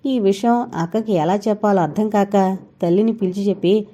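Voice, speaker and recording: Woman reading a novel aloud, real warm dark voice, steady. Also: mid-range voice, normal speed. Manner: steady storytelling read. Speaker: audiobook narrator. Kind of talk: scripted narration of a novel.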